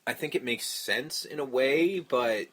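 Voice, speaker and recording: A man's voice: mid-range voice, animated, measured pace, a bit bright. A man co-hosting a podcast in casual chat, blunt and opinionated, swearing often, and stuffed up. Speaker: podcast co-host.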